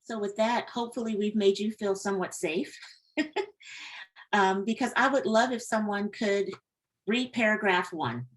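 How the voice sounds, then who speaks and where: A woman facilitating an online training session, giving gentle, guiding instructions over a video call. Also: medium pitch, moderate pace, low-quality recording. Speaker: workshop facilitator.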